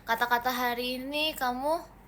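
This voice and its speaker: Young woman on a phone livestream, teasing and chatty, kinda high, really bright voice. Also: fairly even intonation, normal speed, a little hiss or hum. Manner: playful and teasing, mixes in English words. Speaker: idol livestreaming to fans. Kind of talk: casual live chat, reading fan comments aloud.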